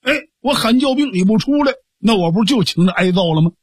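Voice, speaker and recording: A whiny, childish young brother, as a male storyteller puts him on pleads and sulks, his voice lifted high and swinging wildly. It is a storybook simpleton, tearful and needy, his tone slightly husky. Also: animated, fairly quick, a little mellow, no echo. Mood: eager. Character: whiny simple-minded young man, bullied little brother.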